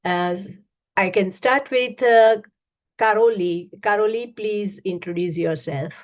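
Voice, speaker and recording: A woman's voice: mid-range voice, slow. A woman hosting an online meeting on a video call, speaking politely and thankfully with many fillers. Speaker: meeting host.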